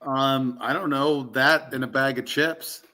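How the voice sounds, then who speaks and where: Rambling man with a bright voice. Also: medium pitch, fairly even intonation, measured pace, a little hiss or hum. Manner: rambling, with many ums and asides. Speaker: co-host of a collecting round table. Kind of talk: casual chat.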